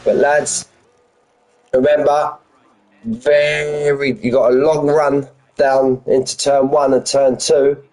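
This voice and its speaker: A man's voice: mid-range voice, level tone, takes it slowly, darkish tone, rough recording. A man giving informal, matey live commentary on an online racing league, chatting to the drivers like mates. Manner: matey, addresses drivers as mate, lad and bud.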